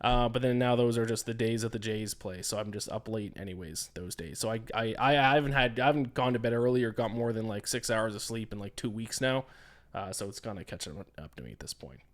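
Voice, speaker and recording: A man's voice: mid-range voice, fairly quick, few pauses. A tired young man hosting a casual solo sports betting podcast. He rambles and gets distracted, with frequent "uh" and "um" fillers. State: tired, yawning.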